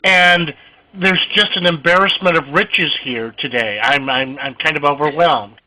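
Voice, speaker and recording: Man caller, very bright and sharp voice, somewhat raised pitch, eager and hesitant. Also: unhurried, poor audio. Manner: eager, a little hesitant, self-deprecating. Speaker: caller, nonprofit Salesforce administrator. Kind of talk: casual question on a conference call.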